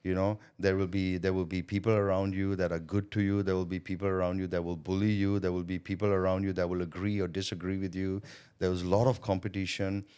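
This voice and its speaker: A middle-aged man from Thailand, working as a sales consultant, talks on a podcast in a low, flat, quick voice that's mellow and clean. He tells his story casually and reflectively, regularly checking in with "you know" and "right?".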